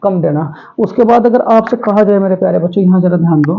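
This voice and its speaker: A man's voice: high-pitched, quick pace, gravelly. A male teacher giving an online exam-prep class, who asks students questions and repeats each answer. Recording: tinny phone-like audio.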